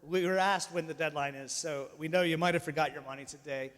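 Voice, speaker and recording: A man in his thirties with a distinctly high voice handles church announcements informally. He jokes and teases between points, and his words ring with long hall reverb. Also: fairly even intonation, fairly quick, fairly bright tone. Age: 30s. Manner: joking, teasing. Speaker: church speaker hosting announcements.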